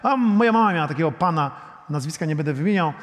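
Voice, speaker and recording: A middle-aged man preaching a sermon, shifting between soft, intimate prayer and loud, emphatic preaching, talking straight to the congregation. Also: a little high, expressive, quick pace. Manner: addresses the congregation directly, often saying "you know". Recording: long hall reverb.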